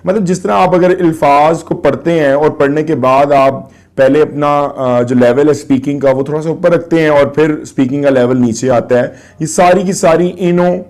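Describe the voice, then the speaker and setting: A man with a Pakistani accent teaching a class nine English lesson, reading English slowly and explaining quickly in Urdu. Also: a little high, a little mellow. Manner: addresses students directly, asks and answers his own questions.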